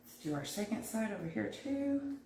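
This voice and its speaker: A woman's voice: a little high, big pitch swings, moderate pace, creaky, dark tone, echoey room, slight background noise. A woman with a Southern US accent from North Carolina, hosting a live craft tutorial and chatting with viewers while she gives step-by-step instructions. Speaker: craft host.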